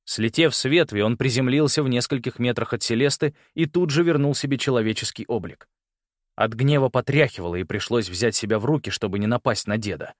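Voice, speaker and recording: A man narrating a fantasy audiobook with a dramatic, expressive reading, close to the mic. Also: medium pitch, brisk, dry recording. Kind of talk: scripted narration.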